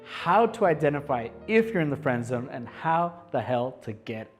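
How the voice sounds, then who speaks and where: A man's voice: mid-range voice, very animated, moderate pace. A man in his thirties hosting a casual dating advice vlog, blunt and bro-ish, who keeps asking "okay?" and calling his viewers "guys". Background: faint background music.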